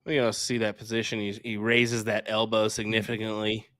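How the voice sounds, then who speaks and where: A man's voice: lowish voice, monotone, brisk, fairly bright tone, dry recording, studio quality. A man calling a darts match live, upbeat and playful. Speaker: darts commentator. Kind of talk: live sports commentary.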